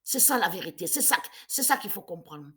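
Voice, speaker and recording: A woman's voice: on the low side, animated, a little fast, fairly bright tone. Agitated woman in her fifties ranting. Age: 50s. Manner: agitated, repetitive, stammering restarts. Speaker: vlogger. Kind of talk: angry ranting monologue.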